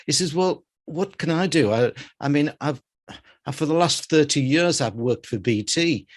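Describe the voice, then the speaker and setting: A man hosting an interview, agreeable and supportive, telling a story with halting restarts. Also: fairly high pitch, animated. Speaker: host. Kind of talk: casual interview chat.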